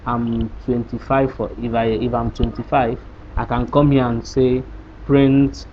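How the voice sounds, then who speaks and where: A man teaches programming in a screen-recorded lesson, stepping through the code and asking rhetorical questions as he goes. His mid-range voice barely moves in pitch and keeps a measured pace, while the recording sounds dull and lo-fi with faint hiss.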